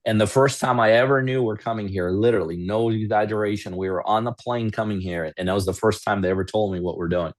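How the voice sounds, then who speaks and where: A man's voice: lowish voice, steady tone, fast talker, few pauses, dry recording. A man from Russia with no accent, hosting a webinar over a video call in a rambling, self-deprecating way. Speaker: webinar host. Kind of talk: casual webinar chat.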